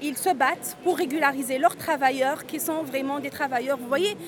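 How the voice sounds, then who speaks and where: Her voice high and fairly quick, a woman from Tunisia in her forties answers a street interview at a march. She's an undocumented migrant, earnest in tone, and keeps repeating and restarting words as the crowd sounds outside.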